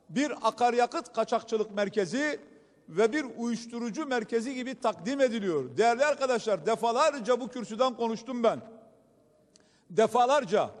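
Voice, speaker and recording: A man with a very high voice speaks from a podium microphone in a large assembly hall, and his words ring out with a long reverb. He delivers a combative political speech, pressing accusations point by point and turning again and again to his colleagues in the room. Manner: combative, accusatory, repeats "dear friends" to the hall. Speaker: member of parliament giving a speech.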